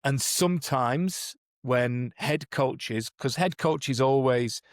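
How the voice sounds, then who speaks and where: He takes it slowly, his voice medium in pitch, in a clean studio recording free of echo. The speaker, a native English-speaking performance coach co-hosting a podcast, explains coaching methods in a thoughtful, conversational way, full of restarts and "you know"s.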